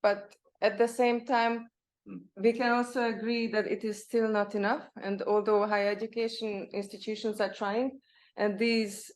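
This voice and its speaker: A woman moderating an academic panel, polite and inviting as she hands over to speakers and the audience. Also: on the high side.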